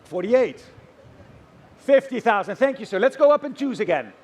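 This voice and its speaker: Male auctioneer with a very high voice, theatrical delivery, calling bids live and working the bidders. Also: sing-song, moderate pace, husky. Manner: chanting rising numbers, addressing bidders directly, theatrical.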